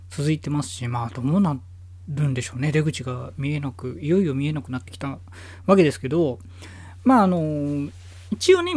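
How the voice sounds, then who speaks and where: Rambling casually from home with lots of fillers, a man hosts his own solo podcast. His voice is medium-pitched and slightly mellow, and the recording is dry.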